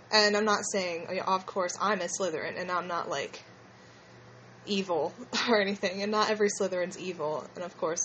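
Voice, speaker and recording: A woman's voice: fairly low pitch, a bit bright, a little hiss or hum, poor audio. A woman with a slushy lisp hosting a casual fan discussion in a hesitant, rambling way. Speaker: podcast host.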